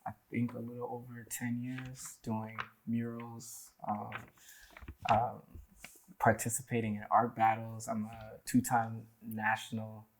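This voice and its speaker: A man's voice: medium pitch, monotone, unhurried, a little hiss or hum. Laid-back joking man. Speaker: muralist guest. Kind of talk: casual round-table chat.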